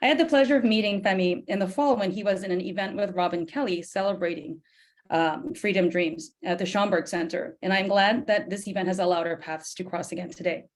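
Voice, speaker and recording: On a video call, a hoarse woman originally from Japan serves as discussant at an academic book talk, introducing a guest and asking polite, thoughtful questions. Her voice is mid-range and fairly quick.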